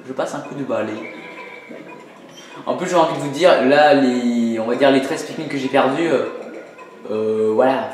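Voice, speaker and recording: A man giving casual, self-mocking commentary while playing a video game, with lots of fillers. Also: mid-range voice. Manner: joking, self-mocking, many fillers, laughs often. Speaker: let's play host. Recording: very echoey room with game music.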